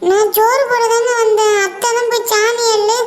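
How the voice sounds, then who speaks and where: A woman's voice: very high-pitched, level tone, moderate pace. A woman voicing a meek, put-upon young wife in a cartoon, talking in a pleading, apologetic way. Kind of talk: cartoon voice acting. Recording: audible background noise.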